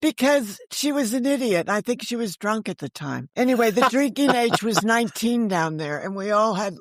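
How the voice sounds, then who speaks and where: With a fairly high voice and lively intonation at normal speed, a woman of around seventy chats frankly as an interview guest. She's an author and audio drama maker who tells casual anecdotes, performing others' remarks; there's no room sound.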